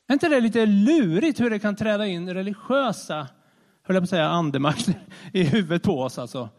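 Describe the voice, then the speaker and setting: Animated male preacher in a reverberant hall. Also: sits high. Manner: animated, conversational, with frequent restarts. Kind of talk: sermon. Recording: long reverb of a large hall.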